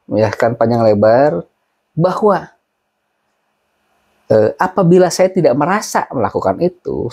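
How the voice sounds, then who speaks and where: A middle-aged man casually telling viewers about a phone call, acting out both sides of the conversation. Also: medium pitch. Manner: animated retelling with quoted dialogue. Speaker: vlogger. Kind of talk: casual storytelling to camera.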